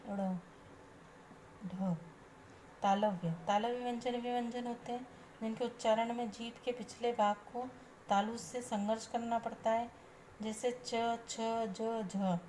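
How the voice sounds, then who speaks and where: A woman teacher reading a grammar lesson aloud in a measured way, reciting letters one by one. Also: fairly high pitch, mellow, slight background noise.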